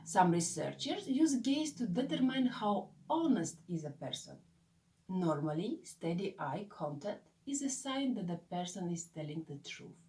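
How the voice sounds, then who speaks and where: A woman giving a scripted, measured narration that explains a topic step by step. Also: on the low side, very animated, mellow, recorded from a distance.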